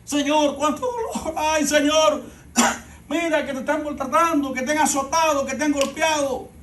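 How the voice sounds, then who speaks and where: Brief: preacher acting out tearful lamenting women, high pleading cries, echoing hall. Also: male voice, normal speed, fairly bright tone, recorded from a distance. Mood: wailing. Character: grieving women wailing over a beaten man.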